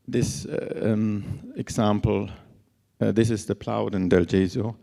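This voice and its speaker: A man's voice: fairly low pitch, vocal fry, mellow. A man giving a conference lecture, his voice scratchy from long travel, speaking hesitantly with many fillers and restarts. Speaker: lecturer on instrument certification. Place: lecture hall.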